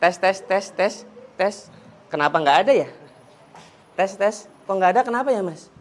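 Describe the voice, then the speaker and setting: In a school hall full of children, a man speaks into a handheld microphone at a moderate pace, teasing the kids and leading them in call-and-response chants. His voice sits high and is expressive, and a little hiss or hum can be heard.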